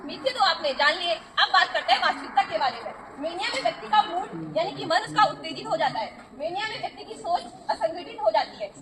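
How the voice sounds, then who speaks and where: Young indian woman student presenting to a street crowd, talks fast, noisy background. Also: extremely high pitch, animated. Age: young adult. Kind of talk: educational street-play presentation, projected. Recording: noisy outdoor crowd recording.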